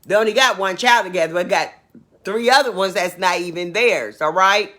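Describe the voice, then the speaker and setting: Female livestream host, forceful bright voice, repeats herself for emphasis. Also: medium pitch, normal speed. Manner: emphatic, repeats her points, asks questions. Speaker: livestream host reading viewer comments. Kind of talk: casual opinion livestream.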